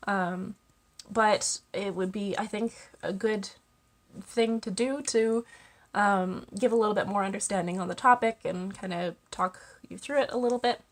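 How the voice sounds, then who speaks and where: Stuffed up from a cold, a young woman talks into her camera mic for a vlog in a mid-range voice with fairly even intonation and a moderate pace. Her casual chatter is full of ums and small laughs.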